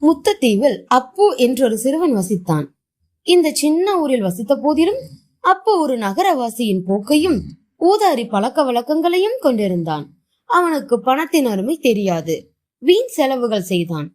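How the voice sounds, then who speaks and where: A woman's voice: high voice, very animated, moderate pace, darkish tone. A woman reading translated short stories aloud as a storyteller, voicing the dialogue expressively.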